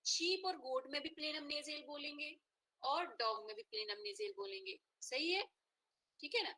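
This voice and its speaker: A woman's voice: high voice, pushed and bright, poor audio. An Indian woman teaching an online veterinary anatomy class, mixing Hindi and English and often checking in with her students. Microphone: online class audio.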